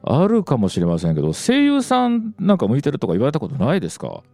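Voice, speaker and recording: A man hosting a casual radio interview as the DJ, talking in a meandering, halting way with many small interjections. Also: medium pitch, wildly swooping pitch, dark tone, no echo. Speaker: radio DJ host.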